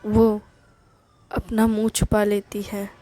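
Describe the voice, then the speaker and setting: A woman narrating a love story in a soft, half-whispered, unhurried way. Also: mid-range voice, completely flat delivery, soft background music.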